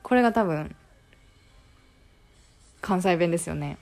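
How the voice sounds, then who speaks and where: A woman with a Kansai Japanese accent talks alone in an easy, unhurried way. She muses aloud and plays with words, and her voice sits a little low. Soft music plays quietly behind her. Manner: chatty and playful, musing aloud and counting to test intonation. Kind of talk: casual solo talk, mixing English and Japanese.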